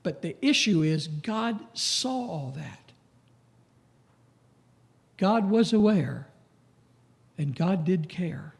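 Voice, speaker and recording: A man preaching a sermon in a church, slow and emphatic, lifting his voice on questions and dropping low for asides. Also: lively intonation, vocal fry. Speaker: pastor.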